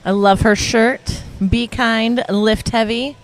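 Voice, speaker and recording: A woman's voice: a little high, fairly even intonation, takes it slowly, soft background music, poor audio. A woman commentating casually on a live strength contest, chatty, informal and supportive of the competitors. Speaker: livestream commentator.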